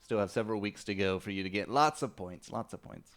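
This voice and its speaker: A young man casting a live esports match, excitable and quick to laugh, chatting with viewers between plays. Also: on the low side. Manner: excitable, laughing, talks to chat. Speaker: esports caster. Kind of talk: live game commentary.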